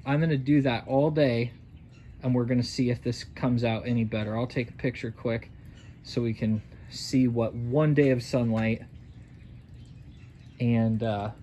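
A man's voice: mid-range voice, darkish tone, a little hiss or hum. Folksy man narrating a workshop restoration. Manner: folksy, rambling, thinking aloud. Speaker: restoration video host. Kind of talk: casual how-to narration while working. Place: outdoors in a driveway and a garage workshop.

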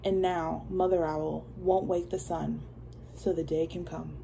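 A woman voicing a solemn male lion king who recites a chain of blame in a measured way. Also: sits low, little pitch movement, gravelly, dark tone, a little hiss or hum.

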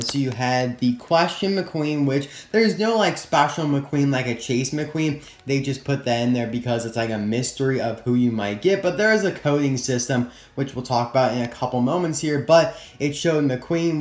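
Young American male review host, chatty, slightly distorted after-wisdom-teeth diction, echoey room with faint background noise. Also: medium pitch. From United States. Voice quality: slightly distorted, mouth-sore speech after wisdom tooth removal. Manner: chatty, addresses viewers as guys. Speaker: toy collector and review host. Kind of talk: casual scripted-free product review to camera. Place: indoor room at a tabletop. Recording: roomy echo, faint hiss and crinkling. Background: crinkling plastic packaging, clicks.

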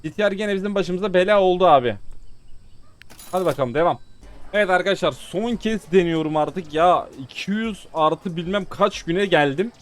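A gaming YouTuber with a high voice gives casual let's-play commentary at a moderate pace. Chatty and addressing his viewers, he grows exasperated with the game.

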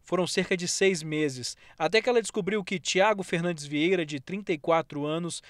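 Um repórter de televisão com sotaque brasileiro narrando uma matéria de forma pausada e formal. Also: male voice, on the high side, no room sound, clean studio sound. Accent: Brazilian. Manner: measured, formal. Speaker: TV news reporter. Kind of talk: scripted news narration.

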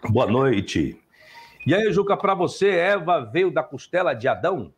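A man with a Brazilian Portuguese accent lecturing and chatting with viewers as host of a live stream, often ending points with a quick "tá?". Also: on the high side. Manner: lively, lecturing, frequent "tá?" tags. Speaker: teacher hosting a live stream.

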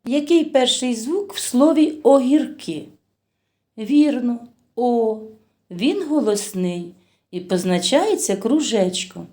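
Slow, sing-song woman teaching children. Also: a little high, animated, dark tone. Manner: slow, drawn-out sounding of words for children; asks questions and praises the children. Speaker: kindergarten teacher. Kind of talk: phonics lesson for young children.

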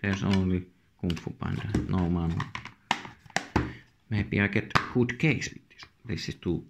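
A man with a Finnish accent speaks halting, non-native English in short, muttered remarks, as casual unscripted commentary on an unboxing. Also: deep voice. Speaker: video game collector presenting an unboxing. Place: indoors at a wooden table. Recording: noisy room with handling clicks.

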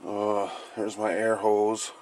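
A man's voice: on the low side, completely flat delivery, slow pace. A man casually showing off the gear in his welding trailer, rambling and plain-spoken, cursing now and then. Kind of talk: casual walkthrough vlog. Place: outdoors in a cold enclosed work trailer. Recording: noisy handheld camera audio.

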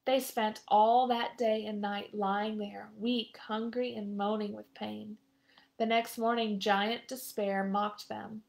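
A woman's voice: medium pitch, flat delivery, slow, vocal fry, darkish tone. A woman reading a story aloud live for children, breaking off for chatty asides to her young listeners.

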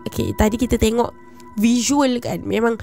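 A woman's voice: on the high side, moderate pace, creaky. A young woman with a Malaysian accent, chatting casually as she reacts to scary videos and explains them to viewers. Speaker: reaction vlogger. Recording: music playing behind.

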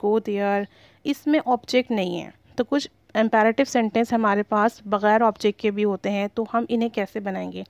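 A woman teaching English grammar, spelling out example sentences slowly and deliberately. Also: fairly high pitch, no echo. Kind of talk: slow grammar lesson.

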